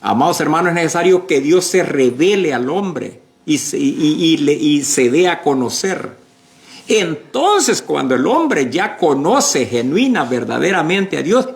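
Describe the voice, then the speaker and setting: A male pastor preaching a sermon slowly and emphatically, with many fillers and repeated words. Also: on the high side, vocal fry.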